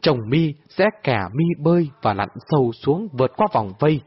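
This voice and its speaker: A man voicing a fierce, gruff old Dao woman. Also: on the high side, animated, normal speed, muffled recording. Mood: commanding.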